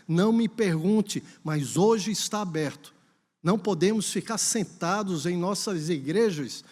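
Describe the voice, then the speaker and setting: A man's voice: high-pitched, a little mellow. A Brazilian man preaching a sermon at a church conference, telling a story and then urging the congregation on with emphasis. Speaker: pastor. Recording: long hall reverb.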